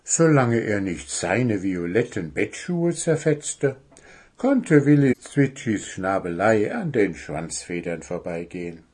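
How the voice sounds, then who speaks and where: A man reading a children's story aloud as narrator, calm and even. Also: lowish voice, slow pace, husky.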